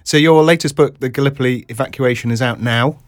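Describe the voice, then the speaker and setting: A man hosts an interview over a video call with an even, mid-pitched voice. He asks short questions and drops quick, encouraging words between his guest's answers. The sound is close and dry, with no room echo. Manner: encouraging, brief affirmations. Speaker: interviewer, podcast host.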